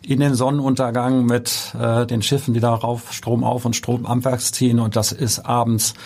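A man's voice: mid-range voice, level tone, moderate pace, a little mellow. Interview guest, male, middle-aged, hesitant and thoughtful, frequent fillers. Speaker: guest, construction company executive. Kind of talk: interview answers. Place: podcast studio.

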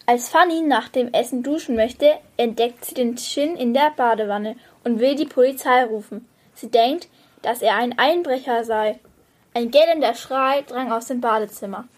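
A woman reading a children's story aloud in a lively way. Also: fairly high pitch, normal speed.

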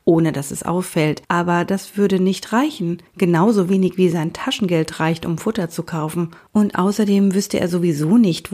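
A woman calmly narrating a children's audiobook story. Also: fairly low pitch, breathy edge.

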